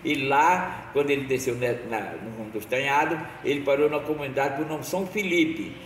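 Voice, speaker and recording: A man's voice: mid-range voice, brisk. A man tells local history in a loose, rambling way, often restarting and correcting himself. His voice is heard from a distance in a reverberant, roomy space. A faint noise runs underneath. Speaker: local storyteller. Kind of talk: oral history storytelling.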